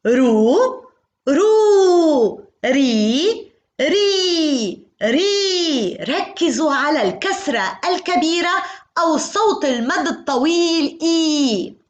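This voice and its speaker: A woman leads young children through a phonics lesson, sounding out each syllable slowly in a sing-song drill. Her voice sits high and swoops widely, and she takes her time over every sound. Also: lively intonation. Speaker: kindergarten teacher.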